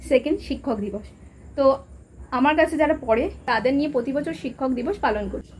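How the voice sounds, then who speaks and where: A young woman vlogging casually to a handheld phone camera at home, a tutor who chats quickly and scolds loudly during a prank. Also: sits high. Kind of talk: casual vlog chat. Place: home rooms. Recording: echoey room, clear background noise.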